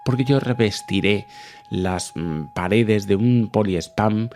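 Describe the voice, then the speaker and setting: A man voicing a calm, fatherly God. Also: fairly low pitch, takes it slowly, slight background noise. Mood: soothing.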